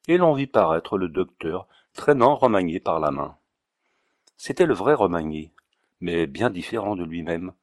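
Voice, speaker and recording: A man narrating a classic story in a measured, expressive storytelling manner. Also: fairly low pitch, dry recording, studio quality. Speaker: audiobook narrator. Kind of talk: literary narration.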